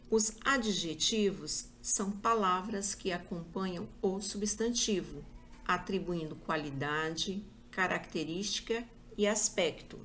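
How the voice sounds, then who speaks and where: With a Brazilian Portuguese accent and a voice on the low side but fairly bright, a woman teacher gives a patient school review lesson. She speaks slowly and spells out examples one at a time. A little hiss or hum sits under the recording.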